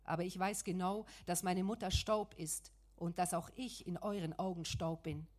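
A woman reading the lines of an angry, grieving man who accuses and defies, loud and bitter, in an audiobook. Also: fairly low pitch, fairly even intonation, moderate pace, lightly acted. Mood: angry, accusing.

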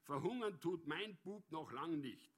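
A man's voice: on the high side, lively intonation, measured pace, husky, voice pushed up. A boastful, aggressive village man, put on by a male reader hectors the room in a raised voice. He sounds bitter and pushy, his voice lifted above a plain speaking tone. A storybook figure with a hard, jeering bite. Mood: gloating.

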